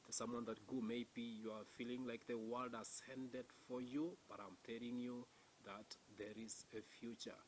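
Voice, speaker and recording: A man hosting a testimony interview show, asking questions haltingly with many pauses and fillers and offering encouragement. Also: mid-range voice, level tone, rough recording. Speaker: interview host. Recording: faint background noise.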